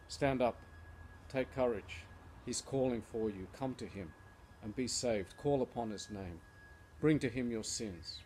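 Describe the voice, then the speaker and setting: A man reading scripture aloud and then preaching and praying in an earnest, gentle, pastoral way. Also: mid-range voice, slight background noise. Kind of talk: devotional Bible reading and prayer.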